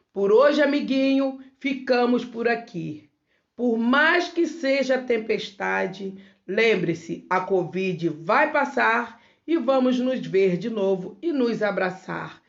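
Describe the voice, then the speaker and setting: Slow, gravelly-voiced woman teacher. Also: a little high, highs cut off. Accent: Brazilian Portuguese. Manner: slow, syllable-by-syllable word demonstrations. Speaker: primary school teacher. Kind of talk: remote lesson for young children.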